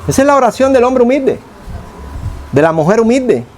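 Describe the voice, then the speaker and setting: A man preaching a sermon as pastor, acting out prayers with a low hushed voice and boastful ones higher. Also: big pitch swings, moderate pace, slight background noise. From Cuba.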